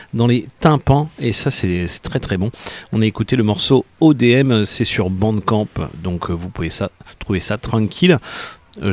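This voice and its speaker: A man's voice: mid-range voice, darkish tone. A man hosting a casual radio music show, playful and teasing, often repeating his own phrases.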